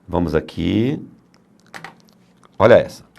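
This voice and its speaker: Lively, emphatic male grammar teacher. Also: low-pitched, takes it slowly, creaky, highs cut off. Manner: emphatic, asks and answers his own questions. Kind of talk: grammar lecture for exam prep.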